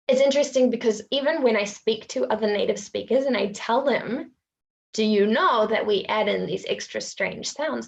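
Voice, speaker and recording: A woman with a New Zealand accent gives an online pronunciation lesson, speaking slowly and in a fairly high voice. She repeats each example phrase several times so learners can hear it. The sound is dull and lo-fi, like webinar audio. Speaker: English teacher.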